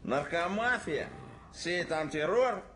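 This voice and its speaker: A man's voice: a little high, expressive, slow pace, noisy background. An actor playing a smug, officious policeman who lectures pompously in a comedy film. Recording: film dialogue over loud music.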